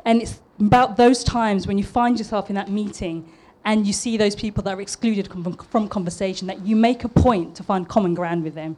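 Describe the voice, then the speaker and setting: Talking a little fast with hardly any pauses, an East London architect in her thirties gives a prepared public talk in a mid-range, somewhat mellow voice. Her accent is polished southern English, and she's earnest and slightly nervous, with small restarts.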